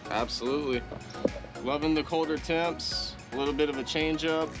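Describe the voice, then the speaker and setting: A man's voice: a little high, normal speed, music in the background. Easygoing young man giving fishing tips.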